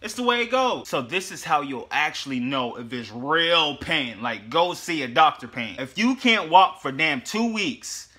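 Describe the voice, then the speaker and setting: Loud, joking young man vlogging about fitness. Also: fairly high pitch, big pitch swings, measured pace, few pauses. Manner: loud, profane and joking, with sudden yelled bursts. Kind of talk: casual fitness vlog talk.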